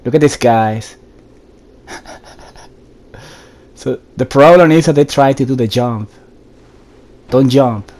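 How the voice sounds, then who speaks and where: A gaming video host talks through his solo gameplay casually, giving viewers direct instructions as he plays. His mid-range voice has a darkish tone, and he speaks slowly with long pauses.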